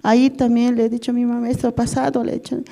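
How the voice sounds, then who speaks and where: A woman's voice: fairly high pitch, flat delivery, very fast, creaky, dark tone. A middle-aged woman giving a rambling personal testimony at a prayer service, ending nearly every phrase with a questioning tag. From Bolivia. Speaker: church member giving testimony.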